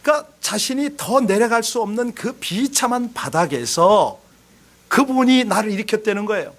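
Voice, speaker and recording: High-voiced Korean pastor preaching. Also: male voice, lively intonation, moderate pace, fairly bright tone. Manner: earnest, asks the congregation questions; storytelling, rising emphasis at key points. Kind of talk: sermon.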